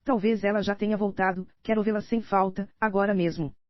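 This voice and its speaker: A Brazilian woman voicing a frightened, desperate young woman in an audiobook, in her own steady reading voice, dry and a little dull. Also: medium pitch, fairly quick, no echo, lightly acted. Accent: Brazilian Portuguese.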